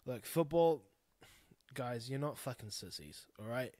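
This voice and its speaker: A blunt New Zealand man in his thirties delivers a candid solo podcast monologue, swearing freely, rambling and heartfelt. His mid-range voice is expressive and darkish, at a measured pace, in a dry recording.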